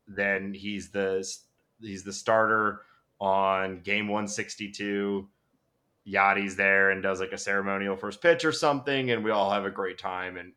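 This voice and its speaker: A man with a deep, bright-edged voice comes through a low-quality stream from a backup computer microphone. He talks in a halting way, restarting his sentences often and slowing down as he thinks. He is a co-host chatting casually over a call. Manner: halting, with frequent restarts and slow stretches. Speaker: podcast co-host.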